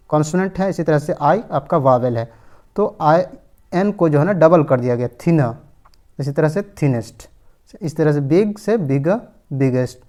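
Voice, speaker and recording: A man teaching English grammar, who asks himself questions and answers them, and reads English examples slowly and deliberately. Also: fairly high pitch, warm tone. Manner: repeats rhetorical questions to students. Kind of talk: explanatory lesson.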